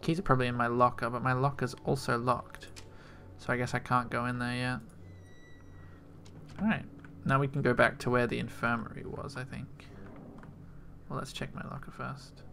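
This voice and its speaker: A man's voice: medium pitch, level tone, moderate pace, creaky, pauses often, a bit bright, slight background noise. A man commentating as he plays a video game, joking, chatty and talking back to the game. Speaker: game player. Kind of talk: let's play commentary.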